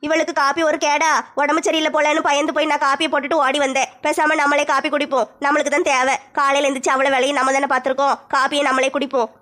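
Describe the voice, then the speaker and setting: Fast high-voiced woman scolding in a skit. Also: level tone, pushed and bright. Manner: scolding, grumbling village banter. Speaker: comic sketch performer playing a mother-in-law. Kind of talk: comic skit acting.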